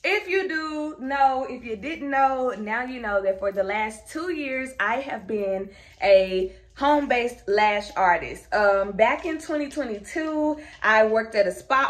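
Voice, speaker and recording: Excited woman vlogging. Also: a little high. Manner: excited and chatty, uses "y'all". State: out of breath. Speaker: lash artist and vlogger. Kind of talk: casual vlog to camera. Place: lash room in a house.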